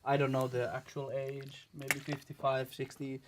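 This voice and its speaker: A man's voice: medium pitch, monotone, moderate pace, noisy background. A man from Finland, a debate guest, speaking hesitantly and searching for words. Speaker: debate guest opposing conscription. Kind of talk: casual debate chat.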